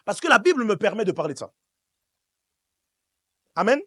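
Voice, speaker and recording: Very animated, high-pitched and fairly bright in tone, this Swiss man preaches at a moderate pace, the studio-quality audio free of echo. As pastor, he speaks directly to his congregation in church with an emphatic, repetitive call-and-response sermon.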